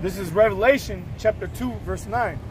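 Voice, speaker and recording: A man reading Bible verses aloud for a street preacher, declaiming each verse loudly. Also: sits high, normal speed, a little hiss or hum. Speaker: scripture reader in a preaching group. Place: outdoors on a street.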